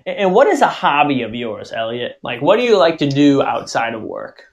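A man's voice: medium pitch, very animated, a little fast, muffled recording. A man in his twenties from Ohio hosting a podcast, asking casual questions in a rambling way with lots of fillers. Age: 20s. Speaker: podcast host. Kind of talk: casual interview chat.

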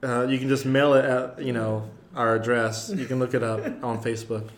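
A man's voice: mid-range voice, little pitch movement, moderate pace. A man hosting a casual chat, joking, laughing often and restarting his sentences. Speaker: podcast host. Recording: echoey room.

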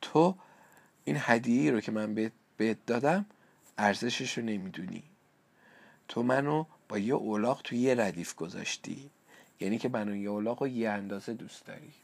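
A man's voice: on the low side, vocal fry. A man reading a storybook aloud, voicing a girl's angry, impatient mother with a slightly raised voice. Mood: scolding. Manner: impatient, scolding. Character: angry scolding mother of a young girl.

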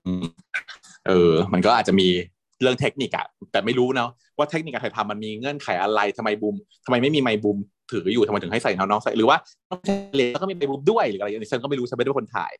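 A man's voice: medium pitch, very fast, soft background music. Chatty man recapping a drama. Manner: animated, chatty, laughs often, playfully coarse. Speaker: podcast co-host. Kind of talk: casual chat recapping a TV drama.

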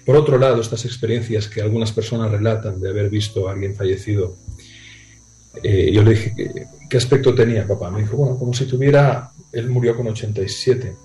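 A man on a video call speaking thoughtfully with frequent pauses and tag questions. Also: lowish voice, mellow, reverberant, rough recording. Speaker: guest. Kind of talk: reflective conversation.

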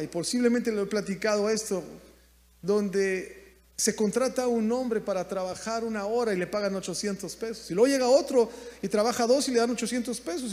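High-voiced preacher with hall reverb. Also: male voice. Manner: impassioned preaching, swings from loud exclamations to quiet asides. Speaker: pastor. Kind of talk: sermon. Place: church sanctuary.

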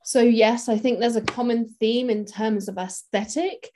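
A woman's voice: a little high, steady tone, moderate pace, background noise. A woman, a makeup artist, talking casually and practically in an interview, with many fillers.

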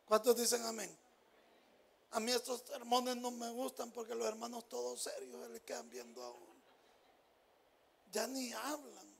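A man preaching a sermon as pastor, stressing key phrases and asking the congregation rhetorical questions, dropping to soft asides between louder lines. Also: very high voice, normal speed, gravelly, long pauses, slight background noise.

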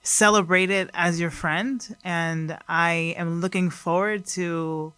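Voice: medium pitch, fairly even intonation, slow, bright, forceful tone, clean tone, no echo. A podcast host asking questions in casual chat, rambling with many fillers and restarts.

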